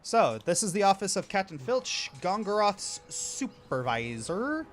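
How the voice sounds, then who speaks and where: A man's voice: high voice, big pitch swings, soft background music. A man narrating a tabletop game casually as game master, often backtracking on his sentences. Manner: halting, backtracking.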